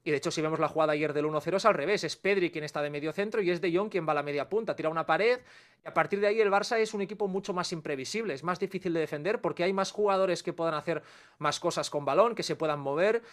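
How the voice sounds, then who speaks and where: A man with a Spanish accent, a football pundit giving quick, analytical commentary on a sports talk show. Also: fairly high pitch. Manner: fast, analytical, dense run-on sentences.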